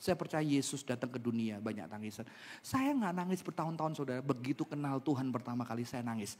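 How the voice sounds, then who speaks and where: A male pastor with an Indonesian accent preaching an Easter sermon, swinging from emphatic peaks to soft storytelling. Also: medium pitch, animated, fast. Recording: long hall reverb.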